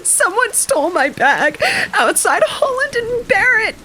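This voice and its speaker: A woman reading the part of a brisk, scheming older woman sleuth in a novel reading. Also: medium pitch, sing-song, a little hiss or hum, natural voice, poor audio. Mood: fake weeping. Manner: brisk and commanding, fakes weeping.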